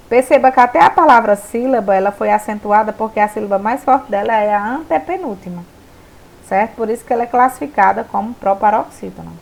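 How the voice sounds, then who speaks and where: A woman's voice: fairly high pitch, creaky, darkish tone. A young woman teaching a recorded remote school lesson, explaining step by step and checking in with her students.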